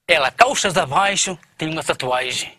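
A high, bright-voiced man spins a comic tale in a lively, playful way. His pitch leaps around as he acts out the other characters, full of energy. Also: moderate pace, no echo. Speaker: comedian guest. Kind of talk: comic storytelling in a radio interview.

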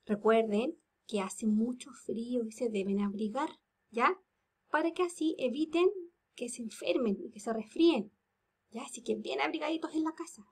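A woman teaching kindergarteners from home, speaking in a slow sing-song and drawing words out syllable by syllable. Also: high-pitched, slightly rough. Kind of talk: remote lesson for young children.

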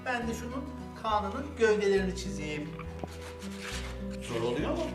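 Speaking unhurriedly, this grandfather presenter of a kids' toy-making program has a high voice with big swings in pitch. He's an older man who leads children through each craft step, using pet names and easy questions. Music plays in the background, and the room sounds echoey.

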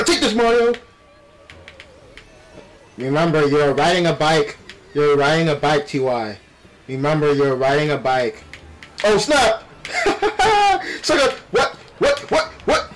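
Excitable high-voiced man wearing a retainer. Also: unhurried, pauses often. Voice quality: speaking with a dental retainer in his mouth. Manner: animated, exclaiming, playful trash talk. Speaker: gaming video host. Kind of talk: excited live gameplay commentary.

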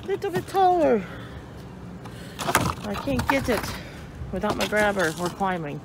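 A woman's voice: medium pitch, very animated, unhurried. Woman, thirties, casual upbeat vlog chatter, handheld phone mic, faint noise behind. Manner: chatty, upbeat, addresses viewers as guys. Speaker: dumpster diving vlogger. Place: outdoors at store dumpsters and at home. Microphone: handheld phone camera.

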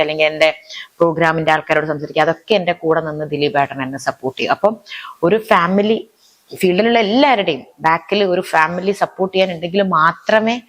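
Woman mimicry artist in an interview, lowish voice, chatty, keeps restarting sentences. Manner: chatty storytelling with frequent restarts. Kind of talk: interview chat.

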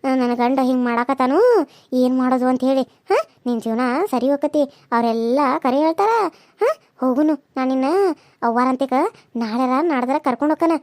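A woman's voice: sits high, fairly even intonation, brisk, a little mellow, dry recording, close to an everyday voice. A woman voicing a caring older village woman who comforts and advises. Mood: reassuring. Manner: soothing, bossy-kind, reassuring. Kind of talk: cartoon serial voice acting.

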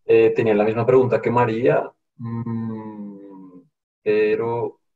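A man's voice: lowish voice, flat delivery, takes it slowly. A man asking a brief hesitant question in a webinar. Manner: hesitant, with fillers. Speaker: scholarship recipient. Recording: distant tinny phone-like line.

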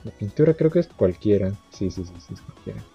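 A young man giving let's-play commentary, muttering to himself and breaking into high yelps and laughs. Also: lively intonation, a little fast, vocal fry, warm tone, breathy edge. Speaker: gamer. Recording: dull lo-fi sound with game music.

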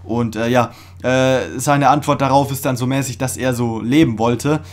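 A young man hosting a casual music reaction, talking in an excited, slangy way with many fillers and restarts, recorded in a small room. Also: medium pitch, moderate pace. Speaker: reaction video host. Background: faint music playing.

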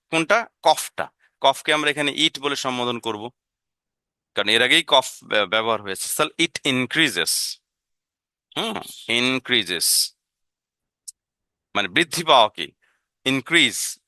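A man's voice: medium pitch, sharp tone, no room sound, studio quality. A man with a Bengali accent teaching an English lesson, explaining sentences step by step and asking his listeners to look again.

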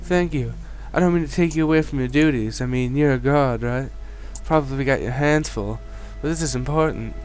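A man's voice: medium pitch, brisk, hardly any pauses, darkish tone, faint music behind, natural voice. A man voicing a frightened, pleading townswoman in a video game with a put-on Southern belle accent, melodramatic in manner. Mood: distressed. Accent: put-on American Southern.

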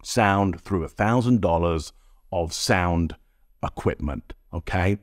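A man presenting a direct-to-camera tutorial as a body language expert, speaking energetically to the viewer and checking in with a frequent "okay?" on a high-end studio microphone. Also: slow, no room sound.

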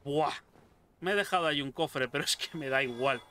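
A young man giving casual let's-play commentary, excitable, swearing a lot and talking back to enemies on screen. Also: on the high side, quick pace. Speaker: gameplay streamer.

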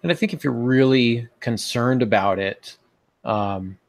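A middle-aged man with a medium-pitched voice and measured pace hosts a casual writers' panel podcast over a video call. He's in a small home office using an earbud headset, and there's no room sound.

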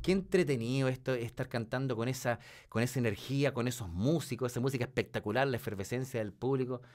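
A man's voice: mid-range voice, fast talker, darkish tone. A man, working as a vocal coach, giving an enthusiastic song reaction commentary and singing short snippets to show technique. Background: music from the analyzed song.

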